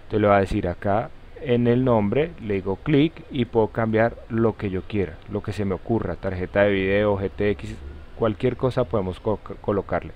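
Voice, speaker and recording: A man with a Colombian accent hosting a step-by-step software tutorial in an informal way, using friendly diminutives. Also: lowish voice, moderate pace. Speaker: tutorial host. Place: voice-over for a screen recording. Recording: slightly dull, lo-fi sound.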